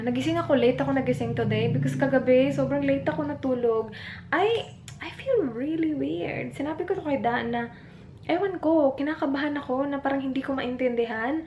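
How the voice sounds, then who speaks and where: A woman's voice: high-pitched, slight background noise. A young Filipino woman with a Filipino accent, chatting casually in a home vlog and mixing English into her talk. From Philippines. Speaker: vlogger.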